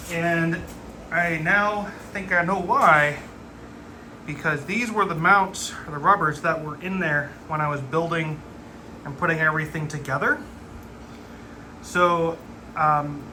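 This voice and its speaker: A man's voice: on the high side, a little hiss or hum. A man talking casually through his car restoration work in a home garage, with many ums and uhs. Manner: relaxed, lots of ums and uhs. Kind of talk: casual workshop commentary.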